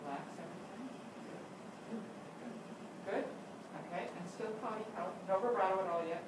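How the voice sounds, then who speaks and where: A woman's voice: mid-range voice, a little fast. An older woman teaching a flute master class, giving encouraging instructions and frequent praise. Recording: echoey room, distant mic, loud noise.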